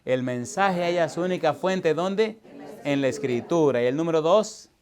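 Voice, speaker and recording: A man, a pastor teaching a preaching seminar to a live audience, asking constant call-and-response questions and swinging from loud to hushed. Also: fairly high pitch, lively intonation, normal speed. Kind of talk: lively seminar sermon. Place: church hall with live audience.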